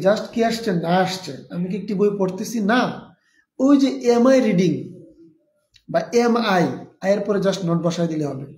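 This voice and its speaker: Male English teacher, high and mellow, explaining and repeating examples on a live class. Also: echoey room. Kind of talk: live online lesson.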